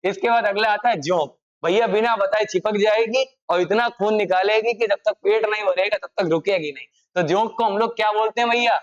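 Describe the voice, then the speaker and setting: A man teaching an exam-prep language lesson in a chatty, joking way, repeating key words slowly. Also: high-pitched, muffled recording. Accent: Hindi.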